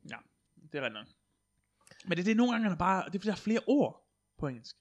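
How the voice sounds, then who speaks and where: A young man chatting in a teasing, playful way, his pitch leaping up and down as he jokes. His voice sits a little higher than most men's. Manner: teasing, playful, lively intonation. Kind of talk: casual chat.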